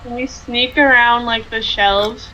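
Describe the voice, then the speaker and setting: A woman player chatting casually at a tabletop game, quick and lively. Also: a little high, dull audio, a little hiss or hum.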